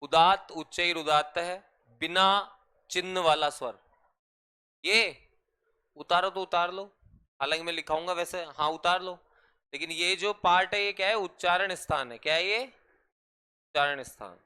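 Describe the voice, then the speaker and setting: A man with a Rajasthani Hindi accent teaching a class, slowly dictating notes and repeating each phrase for students to write down. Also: high voice, bright, forceful tone, smooth. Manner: slow, repetitive dictation.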